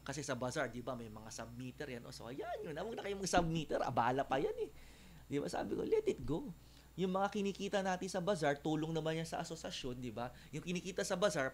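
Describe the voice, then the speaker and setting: A man, a former teacher, talking through his opinions in a rambling, repetitive way and often checking with listeners. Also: a little high. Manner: rambling, repeats phrases, keeps asking "right?". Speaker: former teacher giving talks. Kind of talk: casual opinion monologue.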